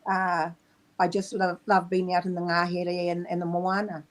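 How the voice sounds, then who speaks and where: A woman's voice: fairly low pitch, completely flat delivery, moderate pace, low-quality recording. A middle-aged woman from New Zealand with a New Zealand accent, a podcast guest talking casually and hesitantly, with many ums. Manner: soft-spoken and hesitant, with frequent ums. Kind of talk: casual interview talk.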